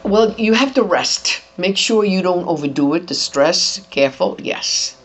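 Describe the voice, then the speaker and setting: An older entertainer giving an interview, talking in an animated way and demonstrating voices while handing out advice. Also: mid-range voice, a little slow. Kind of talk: interview chat. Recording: dull lo-fi, faint noise.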